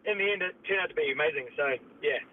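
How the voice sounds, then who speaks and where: A man with a New Zealand accent tells a story as a radio phone-in caller. He speaks rapidly and casually in a fairly high voice. The line is muffled, with some noise. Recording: muffled, noisy phone call.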